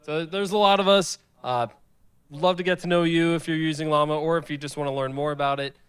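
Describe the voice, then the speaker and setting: Guy casually pitching to a group, kinda high clear voice, stops and restarts a lot. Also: fairly even intonation, brisk, a bit bright. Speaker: event co-presenter. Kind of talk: casual announcement to an audience.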